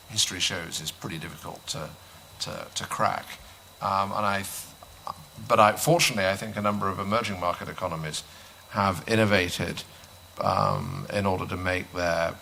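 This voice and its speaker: A male panelist answering a question at a conference, measured, pausing often with "um". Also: low-pitched, vocal fry, pushed and bright, slight background noise, poor audio. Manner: measured, many "um" pauses, dry aside. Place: conference hall.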